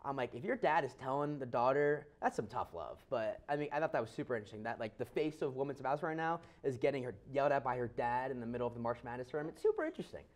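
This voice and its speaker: A young man talks sports in rapid bursts on a casual panel show. He rambles, corrects himself as he goes, and leans hard on his emphatic points. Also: medium pitch, sing-song.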